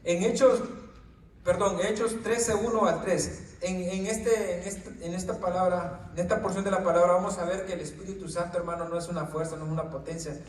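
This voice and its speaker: A fairly high-voiced man preaches in an informal teaching style to a small gathering, often checking in with "right?" and "brother" and tripping over his words now and then. He sounds set back from the mic in an echoey room, with a faint hiss behind him. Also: fairly even intonation, fairly quick, distant mic.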